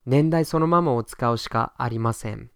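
A man's voice: medium pitch, moderate pace, creaky, smooth, no echo, clean studio sound. A man hosting a podcast language lesson, explaining each point in Japanese and then repeating it in English in a friendly, upbeat way. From United States.

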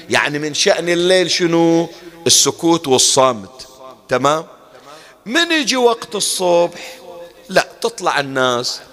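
A man preaches with a slightly raised pitch. He teaches through rhetorical questions, posing each one and then answering it himself. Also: fairly bright tone. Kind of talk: religious lecture.

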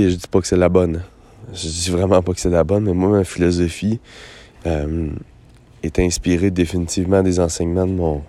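Quebec guy w a hoarse gravelly low voice, pretty flat and mellow, casual rambling memo, repeats himself. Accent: Quebec French. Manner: hesitant, thinking aloud, often repeating words. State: hoarse after a late night. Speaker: host of a personal voice-memo show. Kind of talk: casual, unscripted monologue. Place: outdoors on a lakeside beach.

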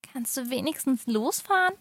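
Woman reading as a mortified teen girl, mumbly and whiny, a bit higher, dry close mic. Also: extremely slow, fairly bright tone, no echo, heavily acted. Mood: embarrassed. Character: embarrassed shy teenage girl, fourteen.

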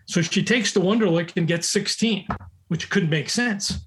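An older man who works as a recruiter chats as a guest on a call, his voice sitting high and a bit bright at a normal speed. He tells long, rambling anecdotes, often restarting his sentences, and the call audio carries a little hiss or hum.

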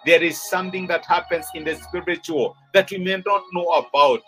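A man with a notably high voice delivers a sermon. He exhorts his listeners earnestly and builds his points by repeating phrases. Soft music plays faintly behind him. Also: low-quality recording. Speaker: preacher.

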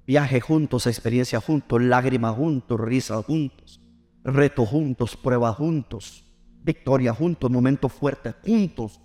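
A man's voice: medium pitch, measured pace, a little mellow, soft background music. A middle-aged man, preaching a sermon and drawing call-and-response from the congregation. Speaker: pastor.

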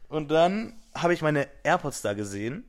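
A man's voice: fairly high pitch, sing-song, moderate pace. A young man co-hosting a podcast, telling a story in a casual chat with lots of fillers and restarts. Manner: rambling storyteller, lots of fillers and repeated starts. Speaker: podcast co-host.

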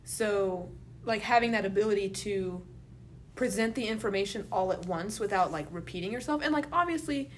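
A woman's voice: medium pitch, normal speed, a little hiss or hum. A young woman co-hosting a podcast, chatting casually about films and often saying "like" and "you know". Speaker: podcast co-host. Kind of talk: casual film chat.

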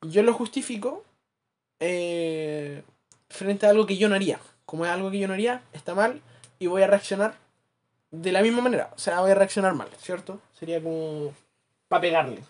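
A man with a Chilean accent chatting casually as a podcast co-host, acting out his anecdotes with lively asides. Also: high-pitched, normal speed. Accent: Chilean Spanish. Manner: animated storyteller, acts out anecdotes, laughs at his own jokes. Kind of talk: casual chat.

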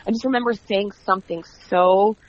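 Chatty woman with a husky, dull-sounding voice. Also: medium pitch, brisk. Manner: chatty, animated storyteller who acts out quoted dialogue. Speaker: wrestling commentator and guest. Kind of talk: casual interview. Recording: dull lo-fi audio.

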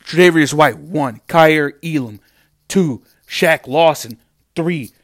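Here the football fan's voice sits fairly high and sounds a bit bright, and he takes his time. Even at that slow pace he's clearly upset, cursing and repeating himself in an angry rant about the team's losses.

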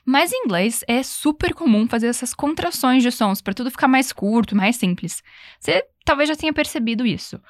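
A young Brazilian woman teaching an English lesson, saying phrases slowly and patiently for the learner to repeat. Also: sits high, expressive, dry recording, studio quality. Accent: Brazilian Portuguese. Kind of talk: language lesson.

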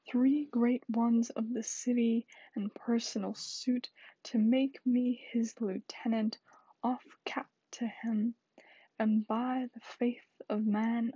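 A man's voice: extremely high pitch, dark tone, slightly rough, dry recording, full character voice. Iago, woman whispering as a bitter scheming soldier. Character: bitter scheming male soldier passed over for promotion. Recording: dull lo-fi dry recording.

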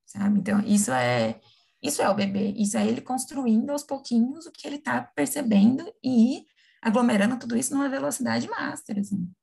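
A woman, explaining things in a lively, casual conversation, often asking her listeners "right?". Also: on the high side, fairly quick, gravelly, slightly rough. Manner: animated, acts out imagined quotes, frequent tag questions.

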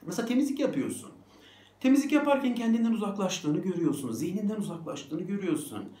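A man giving a motivational self-help talk, speaking directly to his listeners in an animated way. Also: sits high, fast talker, echoey room.

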